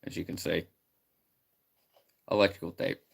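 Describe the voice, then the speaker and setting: A man chatting casually on a live stream, rambling and excitable, greeting viewers loudly. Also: deep voice, moderate pace, gravelly, husky.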